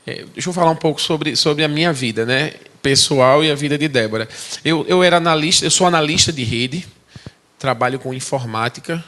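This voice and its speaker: A man's voice: mid-range voice, fairly bright tone. A man in his forties from Recife with a Pernambuco accent, giving a chatty testimony in church as a missionary and talking straight to the congregation. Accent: Pernambuco Brazilian Portuguese. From Recife, Brazil. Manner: conversational, chatty asides to the congregation.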